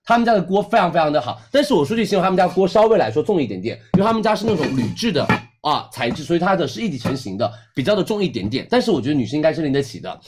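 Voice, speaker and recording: A man hosting a livestream sale, pitching products energetically and coaxing viewers to agree with him. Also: very fast, few pauses, slight background noise. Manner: energetic, coaxing, keeps asking the audience to agree. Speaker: livestream sales host. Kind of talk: fast livestream selling pitch.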